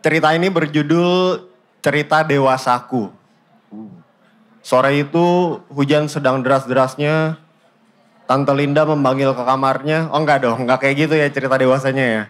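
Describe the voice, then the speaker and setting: A man in his twenties with a Jakarta accent, telling his life story in a casual, joking way with deadpan fake-outs and English mixed in. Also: mid-range voice, moderate pace, pauses often. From Indonesia. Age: 20s. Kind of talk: casual stand-up style storytelling.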